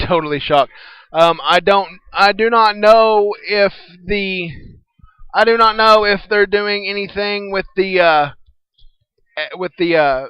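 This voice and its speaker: High, bright radio wrestling announcer. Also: male voice, clear, resonant tone, dry recording, rough recording. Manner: excited shouting calls, then rambling wrap-up talk. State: losing his voice from screaming.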